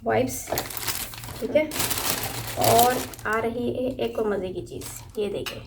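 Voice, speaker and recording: A woman's voice: fairly high pitch, slow pace, gravelly, noisy background. A woman in her thirties at home, chatting casually and unhurriedly as she shows what she bought. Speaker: family vlogger and mother. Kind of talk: casual on-camera chat showing purchases. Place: home indoors. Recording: distant mic with music over it. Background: loud background music.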